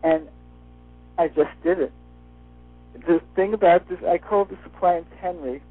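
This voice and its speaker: A man's voice: high voice, measured pace, no echo. A man wearing a retainer as he talks, giving a personal testimonial as an interview guest over the phone. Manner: talking with a dental appliance in the mouth, like wearing a retainer. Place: phone call. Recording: muffled phone line, faint music behind.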